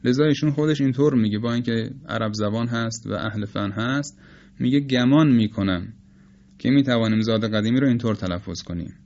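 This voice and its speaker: A man with Persian as his first language, teaching the pronunciation of letters in a measured, explanatory lecture and slowly demonstrating sounds. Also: mid-range voice, darkish tone, muffled recording. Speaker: teacher of Quranic recitation. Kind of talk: spoken lecture on phonetics.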